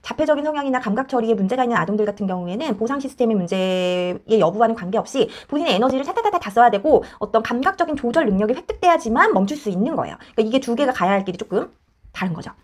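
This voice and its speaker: A woman child counselor explains parenting advice at a quick clip. Her fairly high voice rises and falls a lot, and she acts out the voices she quotes with plenty of energy. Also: expressive, darkish tone.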